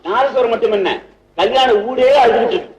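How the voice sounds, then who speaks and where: A man's voice: extremely high pitch, fairly even intonation, fairly quick, darkish tone, slight background noise, rough recording. An actor playing a fussy, exasperated man in an old film comedy who keeps complaining. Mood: puzzled. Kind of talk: 1960s film comedy acting.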